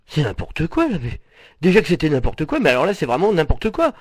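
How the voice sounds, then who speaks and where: A man's voice: fairly high pitch, huge pitch swings, a little fast, dry recording. An actor playing a confused teenager stuck in a grown man's life, baffled and exasperated.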